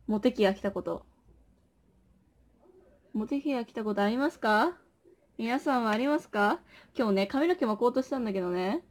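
A young woman chatting casually with viewers as a livestream host, playful and animated, often exclaiming as she reacts. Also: fairly high pitch. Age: young adult. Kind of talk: casual chat with viewers during a makeup stream. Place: small indoor room.

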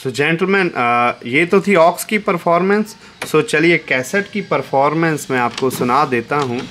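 A man's voice: a little high, a little slow, over music. A man running an antique shop, giving a casual, joking demo of an old tape recorder. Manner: chatty and jokey, mixing Hindi and English asides; talks softly so someone outside won't hear. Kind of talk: casual product demo vlog. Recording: noisy room recording.

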